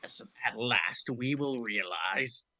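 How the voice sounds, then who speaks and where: A man voicing a sinister old galactic emperor in a gravelly voice, making slow, ominous proclamations in an amateur script reading. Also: mid-range voice, sharp tone, no room sound, pitched below the performer's own voice. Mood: grandiose. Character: sinister old Sith emperor hologram, scheming, grandly foreboding.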